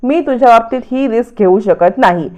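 A woman's voice: on the high side, moderate pace, a little mellow, lo-fi sound, natural voice. A woman voicing a principled young male doctor who refuses firmly and reasons out his objection. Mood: firm refusal. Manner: firm, reasoning.

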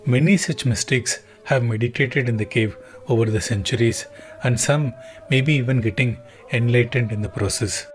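A man narrating a travel documentary in a calm, even, scripted voice-over. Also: medium pitch, normal speed. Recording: voice-over with music underneath.

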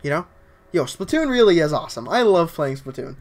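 A young man streaming a video game live, chatting casually and excitedly with his viewers as he reads their messages. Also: a little high, brisk. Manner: excitable, upbeat, often starts lines with "yo, honestly". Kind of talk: casual livestream chat while reading viewer comments.

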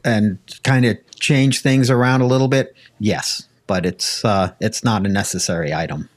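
A man's voice: fairly low pitch, fairly even intonation, normal speed. An older American man giving casual technical advice in a conversational, folksy way into a close desk microphone. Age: older, around 60s. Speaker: ham radio panelist. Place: home radio room, indoors, video call. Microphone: close desk microphone with headphones.

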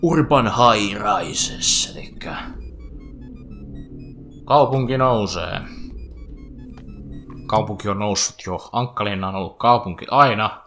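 A man's voice: lowish voice, pauses often, a bit bright. A man giving chatty, joking let's play commentary over a video game, with playful asides. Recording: faint game music behind.

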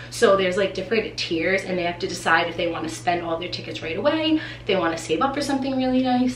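Allergies give this woman's fairly low voice a congested, nasal quality as she excitedly unboxes things for her casual vlog. She's in her thirties, teaches in New England, and chatters with lots of "like" fillers. The small indoor room echoes, there's a faint hiss, and she sits in front of the camera.

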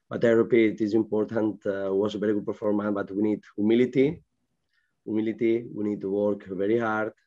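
Man in halting English, low flat voice. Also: muffled recording. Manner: halting, searching non-native English. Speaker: football manager. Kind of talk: post-match press conference. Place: press room with sponsor board. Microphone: video call.

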